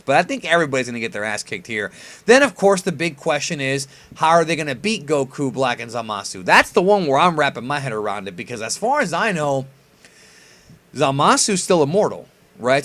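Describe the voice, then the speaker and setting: A man's voice: mid-range voice, fairly bright tone. A man giving casual fan commentary as host of a reaction video, informal and a bit sweary. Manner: informal, mildly profane slang. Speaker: host reacting to an anime preview.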